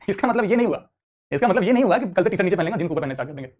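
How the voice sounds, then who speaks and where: A man's voice: high voice, lively intonation, racing, darkish tone. A man teaching an online class, talking conversationally and mixing Hindi with English, addressing students like a big brother.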